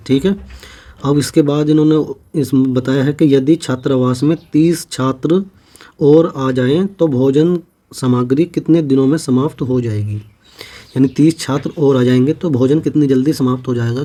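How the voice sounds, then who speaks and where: A man with a mellow, darker voice of ordinary pitch teaches an exam-prep maths class. He talks through each problem slowly and methodically, repeating every figure as he writes it.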